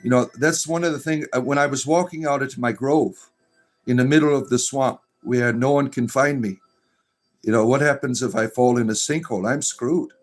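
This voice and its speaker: This Floridian livestream host talks loosely through viewers' comments while low music plays underneath. His speech wanders, packed with fillers and false starts, and stretches out in a narrator-like drawl.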